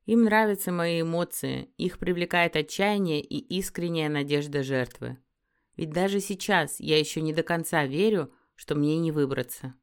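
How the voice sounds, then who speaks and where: A woman's voice: low-pitched, moderate pace, smooth. A woman narrating a first-person fantasy audiobook in a dramatic, emotive reading.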